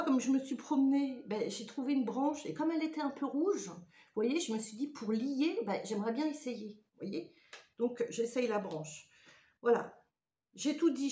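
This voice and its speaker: A woman's voice: a little high, a little mellow, lo-fi sound. A woman giving a casual spoken tutorial in a chatty, hesitant way, with frequent fillers. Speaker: ritual practice vlogger. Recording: roomy echoey room.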